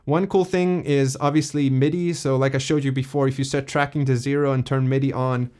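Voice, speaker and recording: A man hosting a casual software tutorial, explaining a plugin in a relaxed way with loose fillers. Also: mid-range voice, brisk, smooth. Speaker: tutorial host.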